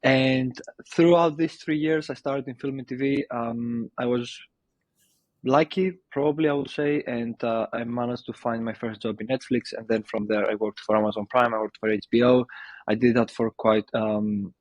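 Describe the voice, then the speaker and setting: A man's voice: mid-range voice, fairly even intonation, normal speed, no echo. Young guy talking shop, lots of ums, kinda dull dry recording. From Greece. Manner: thoughtful, with many ums and restarts. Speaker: guest, video marketing agency founder. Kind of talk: casual interview answers.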